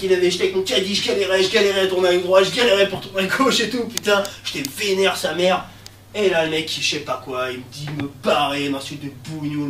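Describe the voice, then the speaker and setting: A young male comedian tells a sketch in rough street slang, now and then erupting into loud shouts. He sounds distant from the mic, in a room with a noticeable echo. A faint hiss sits underneath the recording. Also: high-pitched. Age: young adult. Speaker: stand-up comedian. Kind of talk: comic monologue sketch. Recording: echoey room, far mic, faint noise.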